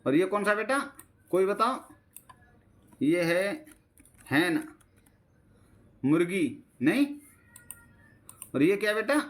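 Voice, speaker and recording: A man's voice: high voice, very animated, takes it slowly, pauses often. A man teaching a children's English lesson with an Indian accent, patiently repeating each phrase in Hindi. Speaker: primary school English teacher. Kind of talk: bilingual classroom-style lesson explaining a textbook.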